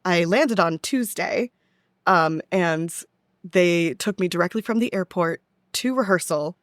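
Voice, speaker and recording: Unhurried and fairly low-pitched, a young American woman tells stories in a casual, chatty way as a podcast guest, much like a touring theatre actress. The recording is dry and studio quality.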